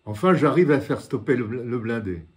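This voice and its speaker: A man in his sixties speaking as a war correspondent, recounting his reporting in the first person with dramatic pauses and repetitions, recorded in a living room. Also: medium pitch, expressive, heavy background noise. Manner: dramatic storytelling with repeated phrases and pauses.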